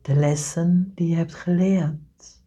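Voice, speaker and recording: Slow, dark-toned woman guiding meditation. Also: fairly low pitch, fairly even intonation, slightly rough. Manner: slow soothing delivery, often whispered. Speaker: meditation guide. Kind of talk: guided meditation.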